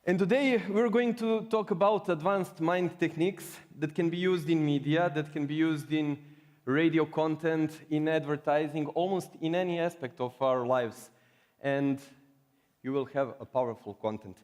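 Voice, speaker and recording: Man, serbian accent, fairly high voice, joking presenter, long hall reverb. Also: fairly even intonation, moderate pace, darkish tone. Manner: playful, joking, addresses the audience directly. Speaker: conference speaker. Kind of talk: humorous presentation. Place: conference hall.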